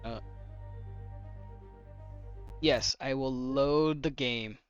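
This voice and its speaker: A man's voice: mid-range voice, extremely slow, clear, resonant tone, highs cut off, faint music behind. A man streaming a video game, chatting offhand and grumbling about bugs. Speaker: gameplay streamer. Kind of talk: casual let's-play commentary.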